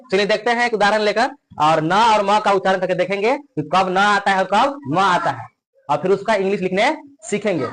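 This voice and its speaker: A woman teaching a lesson for children, who talks slowly, repeats every point and asks questions and answers them herself. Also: medium pitch, a little hiss or hum. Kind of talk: classroom-style lesson for children.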